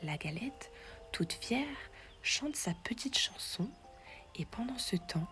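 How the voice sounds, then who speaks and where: Slow, whispery woman telling a bedtime story. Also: fairly high pitch, expressive. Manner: soft, half-whispered, gentle. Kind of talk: children's bedtime story narration. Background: faint music.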